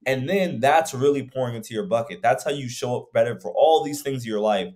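This young man has a mid-range, slightly mellow voice and a brisk delivery. Co-hosting a casual podcast by video call from his home, the fitness coach reflects at length in a rambling style packed with fillers.

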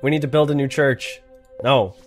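A man's voice: medium pitch, moderate pace, faint music behind. A man commentating a game, reading its cards aloud and reacting with laughs and swearing. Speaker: gamer. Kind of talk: let's play commentary.

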